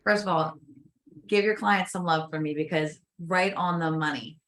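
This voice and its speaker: A woman's voice: on the low side, normal speed, a bit bright, a little hiss or hum. A woman guest coach speaking in casual interview chat, emphatic and persuasive, leaning on rhetorical questions.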